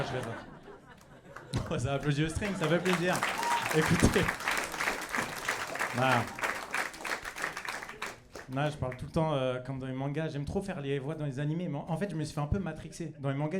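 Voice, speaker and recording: A man's voice: on the high side, a little fast, long pauses, crowd noise, background noise. A young man performing a stand-up comedy set in a comedy club, chatty and loose, full of fillers and restarts. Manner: loose, chatty delivery with many fillers and restarts, breaks into silly put-on voices. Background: audience laughter.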